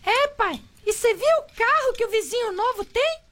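A woman's voice: very high voice, lively intonation, normal speed, a bit bright. A woman voicing a teasing young son in a comedy radio sketch, bragging about the neighbor's things. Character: young male son of rich man.

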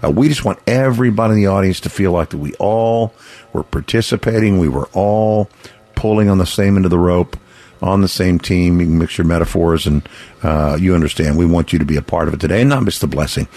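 An American man hosting a live radio charity pledge drive, pitching a limited-time offer in a folksy, rambling, earnest and persuasive way. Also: a little fast, a little mellow. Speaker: radio fundraiser host.

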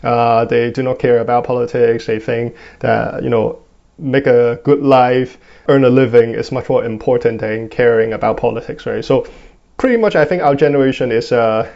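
A man's voice: medium pitch, fairly even intonation, normal speed, creaky, dull audio. A man in his twenties with a Hong Kong accent, giving thoughtful interview answers with many fillers and "right?" tags. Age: 20s. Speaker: guest.

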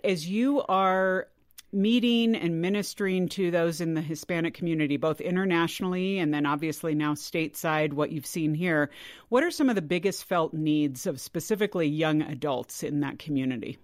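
A woman's voice: lowish voice, normal speed, no echo, studio quality. A woman hosting an interview, chatty and teasing, laughing easily. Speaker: host. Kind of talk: casual interview.

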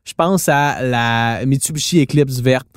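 A man's voice: mid-range voice, a little slow, clear, resonant tone, no room sound, studio quality. A man with a Québécois French accent co-hosting a podcast, chatting in an enthusiastic, joking way. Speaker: podcast co-host. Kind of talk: casual podcast chat about car films.

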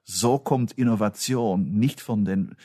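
A man's voice: fairly low pitch, slow pace, warm tone, no room sound, clean studio sound. A man from Belgium, a non-native German speaker, answering interview questions as a company chief in earnest, slightly broken German. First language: not German.

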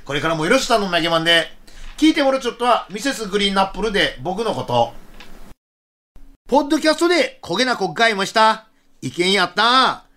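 A man's voice: sits high, big pitch swings, fairly quick, sharp tone. Chuckling man with Kagoshima dialect. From Kagoshima, Japan. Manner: chuckling, playful, reads mail aloud. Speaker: radio host. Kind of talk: casual radio chat reading listener mail.

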